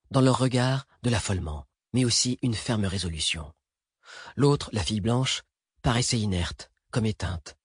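A man narrating an action thriller audiobook in a steady, even read. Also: fairly low pitch, slightly rough, no echo. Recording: dry close recording.

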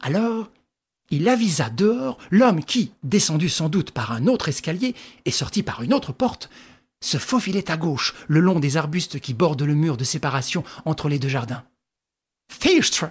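A woman reading a classic adventure novel aloud as scripted narration, telling it dramatically with lively rises. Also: sits low, normal speed, slightly rough. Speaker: audiobook reader.

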